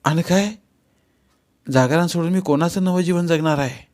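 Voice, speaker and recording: A man's voice: on the high side, normal speed, darkish tone, voice pushed up, lightly acted. Man doing a young village dancer woman, earthy rural talk, raised voice, storybook reading. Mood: bewildered.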